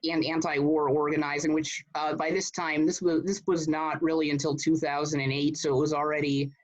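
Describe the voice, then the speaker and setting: Halting, level-voiced man in his thirties. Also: a little high, flat delivery. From Connecticut, US. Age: 30s. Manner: halting, with many restarts and repeated words. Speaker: guest. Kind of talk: casual conversational interview. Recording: dull, muffled sound.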